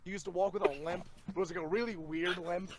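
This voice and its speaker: A man, a podcast guest, telling funny stories in an animated, laughing way over a remote call. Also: sits high, quick pace, noisy background. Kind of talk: casual storytelling.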